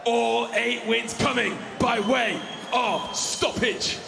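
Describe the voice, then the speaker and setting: A man working as a fight ring announcer, projecting formal introductions with long drawn-out names. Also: extremely high pitch, fairly even intonation, creaky. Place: large indoor fight arena. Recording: echoey noisy arena PA sound.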